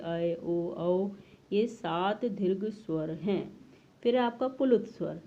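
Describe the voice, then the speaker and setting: Woman teacher, very slow and deliberate, slightly dull lo-fi recording. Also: mid-range voice. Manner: slow, deliberate explanation, drawing out example sounds. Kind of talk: Hindi grammar lesson.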